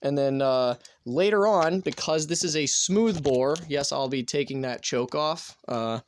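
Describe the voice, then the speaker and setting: A man's voice: mid-range voice, unhurried, slight background noise. A man vlogging casually at home, rambling in an offhand way and swearing freely. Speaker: gun vlogger. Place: indoors at home, near a bed.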